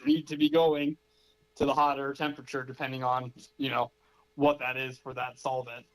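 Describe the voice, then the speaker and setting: A man as a guest on a casual call-in interview, relaxed and explaining things plainly. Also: medium pitch, moderate pace, low-quality recording.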